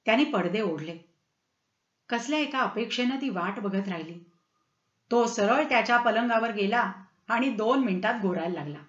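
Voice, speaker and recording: A woman storyteller reading a story aloud in an expressive, measured way, in a slightly dull, roomy recording. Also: on the high side.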